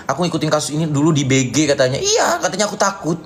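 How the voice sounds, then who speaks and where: A man from Indonesia in a live stream rant, angrily insulting someone in a repetitive, taunting tirade while answering viewer comments, filling pauses with "ya". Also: on the high side, wildly swooping pitch, slight background noise. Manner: repetitive, peppered with "ya".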